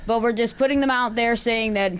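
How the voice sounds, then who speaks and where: A woman co-hosting an anime show in casual chat, talking like an excited, enthusiastic anime fan. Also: fairly high pitch, brisk, smooth.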